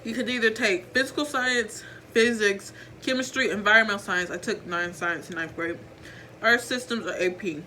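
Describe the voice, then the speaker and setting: A woman's voice: medium pitch, moderate pace, bright, forceful tone, a little hiss or hum. A teenage girl vlogging about her school credits and grades in a rambling, chatty, self-mocking way. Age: teens. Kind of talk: casual chat. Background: faint background music.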